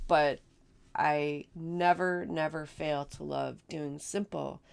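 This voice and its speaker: Low gravelly woman, raspy crafting host. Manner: chatty, enthusiastic, with fillers and repeats. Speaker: card-making channel host. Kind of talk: casual crafting tutorial.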